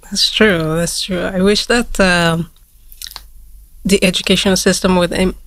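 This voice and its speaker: A woman's voice: fairly low pitch, fairly even intonation, measured pace, a bit bright. A woman hosting an interview, asking curious, loosely phrased questions. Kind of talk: casual interview.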